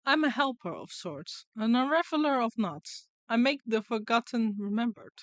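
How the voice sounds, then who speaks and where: A woman's voice: fairly high pitch, lively intonation, normal speed, no echo, close to an everyday voice. A woman voicing a sly serpent fortune-teller from a game in a coaxing, theatrical snake voice. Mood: mysterious, coaxing. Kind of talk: reading video game dialogue in character.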